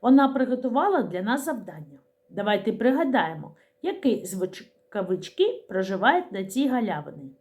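A middle-aged woman teaching a preschool literacy lesson, speaking slowly and clearly in a sing-song way to small children. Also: medium pitch, sing-song, a little mellow.

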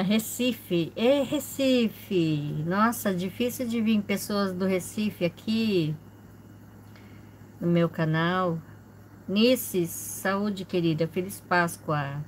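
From a home room with a fish tank, a Brazilian woman in her forties runs a relaxed livestream in a medium-pitched voice. She goes through viewer comments slowly, welcoming people one by one by name and laughing softly often. The recording is low quality, with a little hiss or hum.

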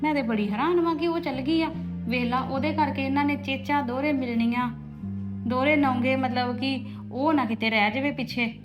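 A woman's voice: high-pitched, normal speed, dull audio, over music, natural voice. A woman playing a caring elder sister-in-law in a family drama, reassuring and gossipy. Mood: calm. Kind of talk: Punjabi family drama acting.

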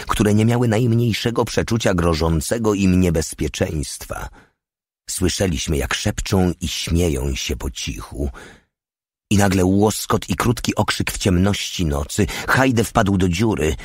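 Brief: male audiobook narrator, very low voice, dry close-mic sound. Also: slightly rough, no echo.

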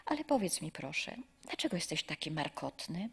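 A woman voicing a cheerful, kind old woman in a spoken story, gentle and reassuring, with a low, breathy voice. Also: very animated, normal speed, exaggerated voice. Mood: warm.

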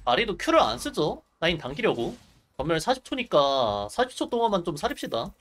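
A man's voice: a little high, huge pitch swings, moderate pace, a bit bright. A man livestreaming casual gameplay commentary, reacting in short muttered exclamations and asides into a close mic.

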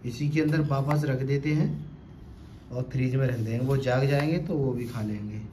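Speaking at a moderate pace in a mellow, mid-range voice, a man in his thirties gives a chatty home cooking demonstration as a vlogger. He addresses his viewers as friends, and the close phone footage comes from a spacious tiled kitchen with faint noise behind him.

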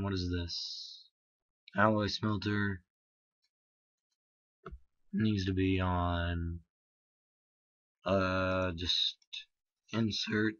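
A young man with a hoarse, strained voice, muttering halting let's play commentary full of ums. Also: sits low, a bit bright, no room sound, muffled recording. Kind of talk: casual gameplay commentary.

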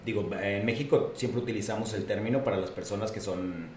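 Speaking a little fast in a fairly low, darkish voice, a Mexican-accented man from Guadalajara co-hosts a casual podcast conversation, cracking jokes and stumbling on repeated words. The distant mic catches an echoey room and some faint noise.

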